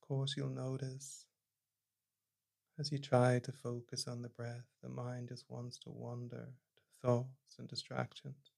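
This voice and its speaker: A male meditation teacher guides listeners inward with a calm, soft-spoken delivery. His voice stays remarkably level and even in pitch, with a gravelly fry at the bottom of his range. Phrases fade away quietly as each instruction settles. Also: measured pace.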